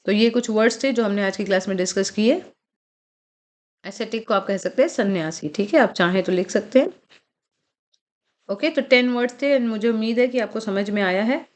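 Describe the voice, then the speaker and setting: A woman lecturing on vocabulary for exam preparation, speaking in Hindi on the terms. She slows right down to read out passages and drills pronunciations one word at a time, and she keeps checking in with short questions to her students. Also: mid-range voice, darkish tone. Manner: explains words in Hindi, reads English lines slowly. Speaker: vocabulary teacher. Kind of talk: recorded exam-prep lecture.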